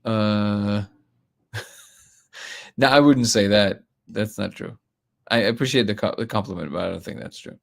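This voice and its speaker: A man's voice: lowish voice, measured pace, gravelly, long pauses. A man from Russia hosting a live stream, reading comments aloud and talking bluntly with frequent restarts.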